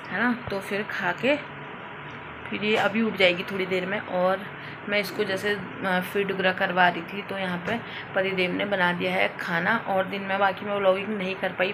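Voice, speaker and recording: A young woman and mother chatting casually to her viewers in a home vlog, unhurried and friendly in tone. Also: mid-range voice. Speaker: family vlogger, mother. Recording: noisy home ambience in background.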